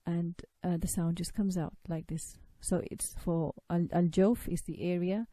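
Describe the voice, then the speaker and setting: Dark-voiced woman teaching pronunciation, patient. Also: on the low side, steady tone, no room sound. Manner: patient, demonstrates sounds slowly with drawn-out vowels. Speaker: tajweed teacher. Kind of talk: recorded lesson explaining pronunciation.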